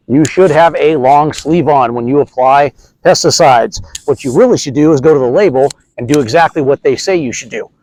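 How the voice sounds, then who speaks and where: A man's voice: fairly high pitch, no room sound. A man giving a casual how-to demonstration on pest control, chatty and joking as he talks straight to the viewer.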